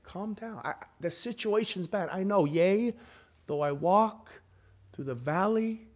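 A man preaching in a church, his voice sitting a little high for a man. He rises to loud lines of King James scripture, then drops to a near hush. He keeps asking his listeners questions. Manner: asks the congregation questions. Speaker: guest preacher. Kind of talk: sermon. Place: church sanctuary.

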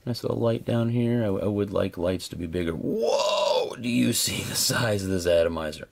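Male reviewer, chatty and informal; raspy, creaky voice, off-the-cuff video style. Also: sits low, fairly even intonation, fairly quick, darkish tone. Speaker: product reviewer. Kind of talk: casual hands-on video review.

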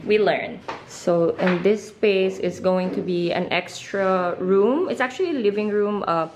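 A woman's voice: medium pitch, measured pace, a little mellow, slight background noise. A young Filipino woman with a Filipino accent, chatting casually while filming herself on a handheld camera indoors, mixing in Tagalog. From Philippines. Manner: chatty, switches between English and Tagalog. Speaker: vlogger. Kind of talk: casual walkthrough vlog. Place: house under renovation and hardware store, indoors. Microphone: handheld camera at arm's length.

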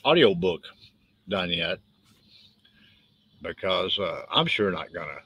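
An older West Texas man with a twang, an author rambling folksily on a live stream about his own books. His voice is deep and slow, with big swings in pitch, a slightly bright tone and a breathy edge. The audio is lo-fi.

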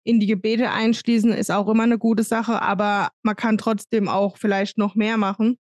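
A woman's voice: mid-range voice, flat delivery, moderate pace, a little mellow, no echo. A woman in her thirties co-hosting a podcast, talking frankly and emphatically in casual chat from a home room on a studio mic. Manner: frank, emphatic, plain-spoken. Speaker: podcast co-host. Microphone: studio mic on arm, video call.

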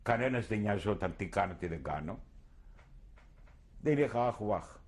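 A man's voice: fairly low pitch, expressive, slightly rough. An older man in an oral history interview, recounting his past vividly and acting out his own words.

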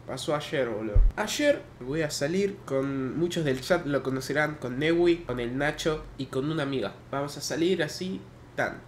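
A man's voice: a little high, normal speed, slight background noise. A young man with an Argentine Rioplatense accent casually telling a story to his stream chat, slangy and swearing a lot. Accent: Argentine Rioplatense Spanish.

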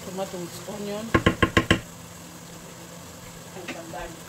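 A woman's voice: fairly low pitch, little pitch movement, fast, heavy background noise. A woman with chatting casually to her viewers as she cooks at home, calling them "guys". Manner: chatty, talks to viewers as "guys", non-native English. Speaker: home cooking channel host. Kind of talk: casual cooking narration. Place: home kitchen at the stove. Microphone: camera pointed at the pot, speaker off-screen. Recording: loud kitchen sizzle. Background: loud sizzling and frying.

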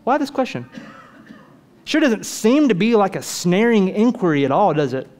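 A man preaching a sermon in a lively, conversational way, full of rhetorical questions to the congregation. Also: sits high, moderate pace. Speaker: pastor.

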